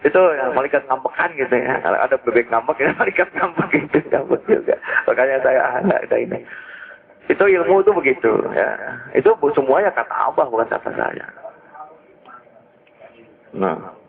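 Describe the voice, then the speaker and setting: A man's voice: medium pitch, lively intonation, brisk, vocal fry, long pauses. Guy preacher, chatty and jokey, keeps asking the crowd questions, thin phone-ish sound. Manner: joking storyteller, asks rhetorical questions. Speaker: Islamic preacher. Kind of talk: casual religious teaching talk. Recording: tinny lo-fi phone-like recording.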